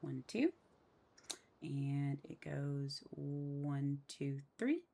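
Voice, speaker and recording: A woman's voice: sits low, animated, drawn-out words, vocal fry, breathy edge. A woman giving a casual step-by-step voice-over for a building tutorial, counting each step aloud under her breath. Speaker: game building tutorial host. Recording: loud mouse and keyboard clicks.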